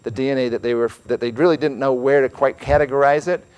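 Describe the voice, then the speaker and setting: A man's voice: mid-range voice, steady tone, fast talker, darkish tone, clean tone. Earnest man giving a church lecture. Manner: earnest, emphatic, repeats words. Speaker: church speaker. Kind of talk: religious lecture.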